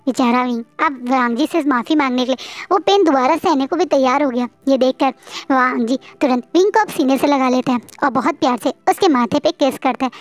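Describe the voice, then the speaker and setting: A woman's voice: high-pitched, no echo. A woman narrating fan fiction in a dramatic, emotional storytelling manner. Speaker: fanfiction narrator.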